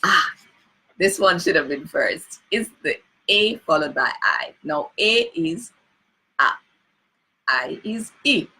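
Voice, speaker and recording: Jamaican woman, lower voice, patient teacher checking in with listeners. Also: lively intonation, takes it slowly, pushed and bright, slightly rough, low-quality recording. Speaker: presenter reading an article. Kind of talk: spoken lesson on pronunciation.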